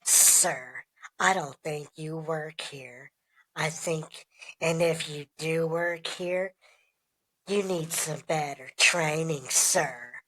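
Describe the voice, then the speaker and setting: A woman's voice: low-pitched, slow, sharp tone, exaggerated voice, poor audio. A woman voicing a disgruntled customer who demands the manager, speaking through a voice changer. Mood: huffy, demanding. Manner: pushy, repeats "sir".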